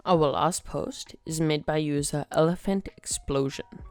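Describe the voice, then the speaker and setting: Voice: mid-range voice, a little slow, faint music behind. A podcast host reading online stories aloud in a wry, conversational way. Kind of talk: story reading.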